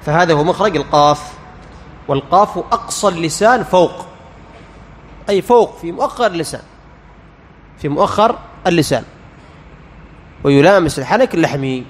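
High-voiced man teaching in a reverberant hall. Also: animated, brisk, pauses often, slight background noise. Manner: quizzes listeners and answers himself, sounding out letters. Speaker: teacher of Quran recitation. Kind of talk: lecture.

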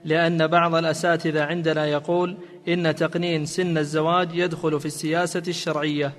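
A man reading submitted questions aloud in a steady, formal way. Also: fairly high pitch, quick pace, in a large hall.

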